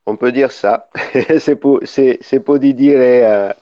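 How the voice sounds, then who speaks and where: A middle-aged documentary filmmaker from Paris, in northern France, is interviewed on radio, explaining at length and often restarting his sentences. His medium-pitched, dark voice moves slowly, and the studio sound is dull and dry with no room echo.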